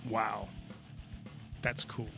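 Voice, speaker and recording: A man's voice: lowish voice, little pitch movement, drawn-out words, gravelly, over music. A man chatting casually and informally as a co-host of a gaming show. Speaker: podcast co-host. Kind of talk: casual chat.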